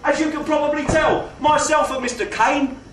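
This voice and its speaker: A man playing a mock-genteel, faintly menacing gangster compère, delivering comic stage patter with grand words and drawn-out emphasis. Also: very high-pitched, fairly even intonation, fairly bright tone. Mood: mock-earnest, faintly menacing. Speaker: burlesque show compère in comedy double act. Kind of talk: live comedy patter addressed to audience. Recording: roomy live venue, distant mic, faint noise.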